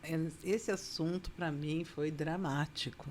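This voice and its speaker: A woman's voice: deep voice, steady tone, measured pace, darkish tone. A woman with a Brazilian accent who hosts a podcast, chatting frankly and telling personal anecdotes. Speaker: podcast host. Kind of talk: casual podcast chat.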